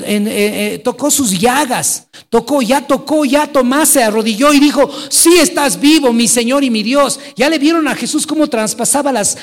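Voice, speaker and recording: A pastor preaching a dramatic sermon, swinging from loud exclamations to hushed storytelling. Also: male voice, very high-pitched, long reverb tail.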